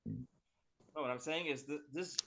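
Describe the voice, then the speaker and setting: A man calls into a meeting on a phone held away from his mouth, so his voice comes through faint and distant. His tone is bright and a little tense. A light hiss sits behind him as he makes his points plainly. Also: a little high, huge pitch swings, slow pace, vocal fry. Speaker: meeting participant on a call. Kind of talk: casual meeting talk. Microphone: phone on a call, held away.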